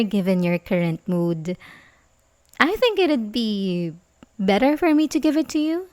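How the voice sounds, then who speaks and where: In an ASMR roleplay, a young woman plays a sweet, coaxing babysitter who is secretly obsessive. Her voice is on the high side, and she speaks hesitantly and intimately, letting out little giggles.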